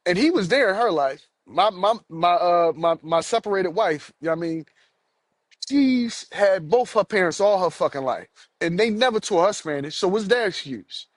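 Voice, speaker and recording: This solo podcast host is a man from the United States, an adult who has kids. His high voice is animated and moves at a moderate pace as he angrily rants, cursing and saying the same things over again, with no room sound audible.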